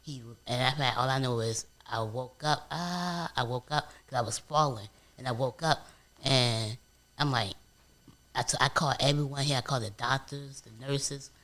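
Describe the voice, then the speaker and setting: A man, a guest on a casual couch interview, telling stories in an animated way with street slang. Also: mid-range voice, moderate pace.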